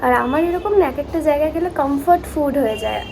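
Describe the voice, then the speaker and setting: A young woman with a Kolkata Bengali accent chats to her camera, slipping English words into her talk. Her voice sits high. The room sounds roomy, with a faint hiss underneath. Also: lively intonation, fast, gravelly. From Kolkata, India. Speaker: vlogger. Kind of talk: casual vlog chat. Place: home rooms and a restaurant.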